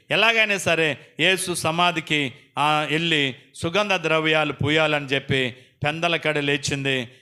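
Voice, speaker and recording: Male preacher, dramatic storyteller, very bright and high voice. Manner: dramatic storytelling with repeated phrases. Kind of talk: sermon.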